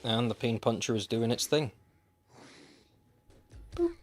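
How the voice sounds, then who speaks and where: A man with a mid-range voice streams a survival game at a slow pace, chatting casually with viewers and dropping dry, wry asides. He is recorded on a desk microphone.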